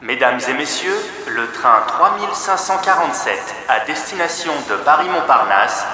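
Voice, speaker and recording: A man's voice: a little high, expressive, bright, forceful tone. Man's echoing train station announcement. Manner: formal, measured announcing. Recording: distant, echoey hall with faint noise.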